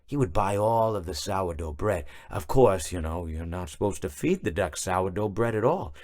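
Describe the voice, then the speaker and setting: A man voicing a rambling, absent-minded, cheerfully morbid animatronic in a video game, halting and correcting himself as he meanders. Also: low voice, animated, a little mellow. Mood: whimsical rambling. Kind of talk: theatrical video game character monologue.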